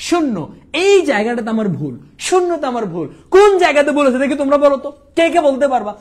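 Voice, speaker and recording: A young man from Bangladesh teaching a quick exam revision lesson, asking questions and answering them himself. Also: very high-pitched, big pitch swings.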